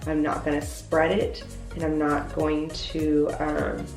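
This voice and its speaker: Low, monotone, and slow, a congested young woman explains her makeup routine step by step in a casual, self-deprecating chat. She's a beauty vlogger whose stuffiness pushes her voice lower than usual. The recording is off-mic in an echoey hotel bathroom with faint music behind.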